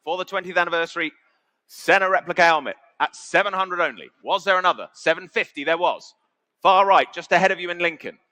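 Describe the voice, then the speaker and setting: A man's voice: high voice, pushed and bright. A British man working as an auctioneer, calling bids in a conversational way and repeating the figures. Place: auction sale room.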